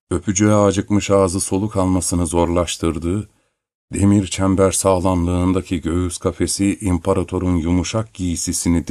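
Male narrator, deep low voice, measured and solemn audiobook delivery, dry close recording. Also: mellow, no room sound.

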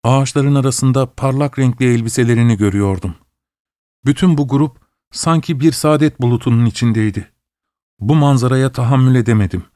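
A man's voice: mid-range voice, a little fast, dark tone, no echo, clean studio sound. A man reading a first-person story aloud in a grave, dramatic, mournful manner. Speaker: audiobook narrator.

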